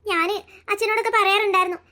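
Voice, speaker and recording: A woman's voice: very high-pitched, steady tone, fast talker, bright, forceful tone. A woman voicing a caring teenage older sister in a cartoon, reassuring her younger sibling. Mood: sad. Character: earnest teenage girl, protective older sister. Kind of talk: cartoon voice acting.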